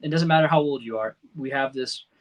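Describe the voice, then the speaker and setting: A man co-hosting a casual fantasy baseball podcast, chatty and quick to joke. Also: mid-range voice. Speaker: podcast co-host.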